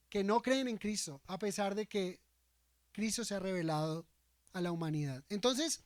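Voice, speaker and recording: A man's voice: high-pitched, no room sound. Man, pastor, sermon, rhetorical questions to the congregation, dry close sound. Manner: acts out quoted speech from scripture.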